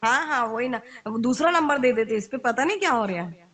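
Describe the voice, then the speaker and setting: A woman on an online class call, talking quickly and reassuringly about fixing an audio problem. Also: on the high side, animated, fairly bright tone. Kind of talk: casual chat on a call.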